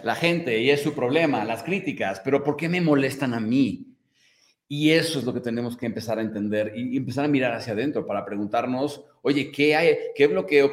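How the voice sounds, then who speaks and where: A man hosting a self-help show, talking in a reflective way to his listeners and acting out critics in quoted voices. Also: medium pitch. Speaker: self-help podcast host. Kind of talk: motivational talk to listeners. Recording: roomy echo.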